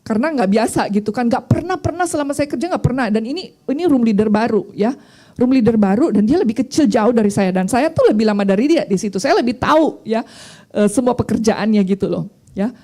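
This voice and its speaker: Middle-aged lady pastor, chatty sermon, kinda high but mellow voice. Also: lively intonation, fairly quick. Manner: conversational, personal storytelling with mixed English phrases.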